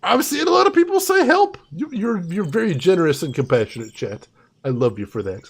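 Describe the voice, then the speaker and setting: Casting: male game streamer, very lively intonation, creaky husky voice, playful casual commentary. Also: high voice, fairly quick. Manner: playful, chatty, theatrical asides.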